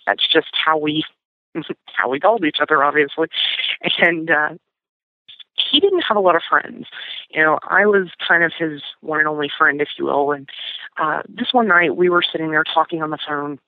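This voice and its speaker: A woman with a low-sitting voice speaks at a normal speed, telling a personal story casually as a guest. She fills her talk with fillers and restarts, and the recording is dry, coming through a tinny phone line.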